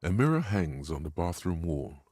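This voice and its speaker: Very deep brooding inner narrator. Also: male voice, big pitch swings, mellow, soft background music. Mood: somber. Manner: grave, measured, literary. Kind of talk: scripted game narration.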